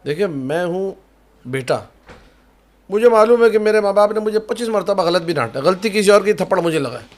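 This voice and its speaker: Emphatic cleric man, somewhat high voice. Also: expressive. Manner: emphatic, repetitive listing, folksy asides. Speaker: cleric who officiates weddings. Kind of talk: conversational religious talk on a panel.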